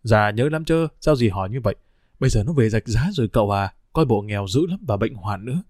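A man voicing a calm, cautious middle-aged husband who speaks steadily and reassuringly. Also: fairly low pitch, fast, no room sound, studio quality, natural voice.

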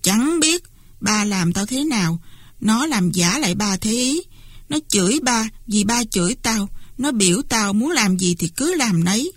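A woman's voice: mid-range voice, expressive, a little slow, husky, no echo, clean studio sound. A woman voicing a sullen, foul-mouthed young boy in an audiobook, her tone rude and blunt. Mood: defiant.

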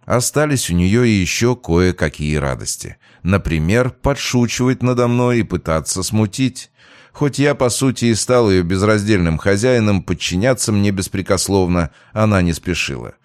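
Male narrator, low voice, animated delivery, first-person audiobook reading. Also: normal speed, dry recording, studio quality.

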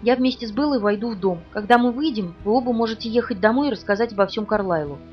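A woman's voice: fairly high pitch, quick pace, natural voice. A woman reading an audiobook, voicing a tense young man who protects and commands with clipped, insistent orders. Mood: urgent. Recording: dull distant audio with music behind.

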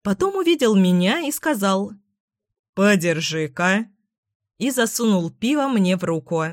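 A woman narrating a first-person story for an audiobook in a measured, restrained way on a close mic. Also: mid-range voice, lively intonation, a little mellow, no room sound.

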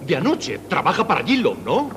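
An actor playing a curt, officious show boss with a clipped, authoritarian manner in a film comedy dub. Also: male voice, on the high side, huge pitch swings, fairly quick, over music. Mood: officious, cold. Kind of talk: dubbed film comedy acting.

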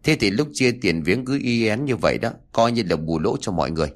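A grasping eldest daughter-in-law who barks orders and turns shrill when crossed, as a male storyteller puts her on. Her voice rises and falls in lively swings. It is a harsh, commanding voice in a spoken horror story. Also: fast, natural voice. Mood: bossy. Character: greedy, domineering eldest daughter-in-law, woman.

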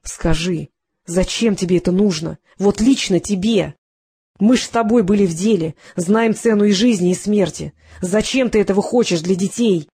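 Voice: medium pitch, normal speed, warm tone, husky, no echo. An audiobook reader voicing a tense man under threat, muttering his replies. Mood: pleading. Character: tense male ex-soldier forced to defuse bomb.

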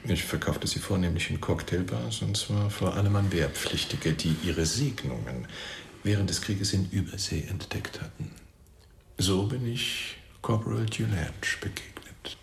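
A man with a low, animated, exaggerated voice acts out a radio drama testimony as a suave, evasive middle-aged doctor confessing to police, smooth and candid in mood. He speaks formally and pompously with precise wording and deliberate pauses, his gravelly voice trailing into a murmur. There's roomy echo and faint noise behind him.

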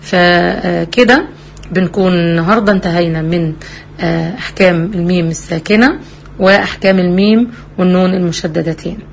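A woman's voice: on the low side, creaky, a little hiss or hum. Egyptian woman teaching Quran recitation. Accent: Egyptian Arabic. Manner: slow demonstrative recitation of examples between quick explanation; asks and answers her own questions. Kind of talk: tajweed lesson.

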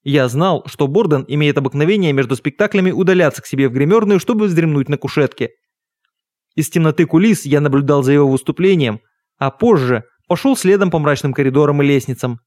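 Man narrating a dark first-person novel. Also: a little high, animated, fairly quick, no echo, studio quality. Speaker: audiobook narrator.

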